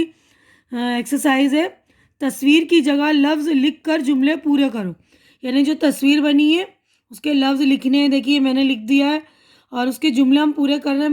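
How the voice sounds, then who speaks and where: Woman teacher, Maharashtra Urdu accent, high voice, patient slow reader for young kids. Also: a little mellow. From India. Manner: slow, patient, repeats words for children to follow. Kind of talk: reading and explaining a children's textbook lesson.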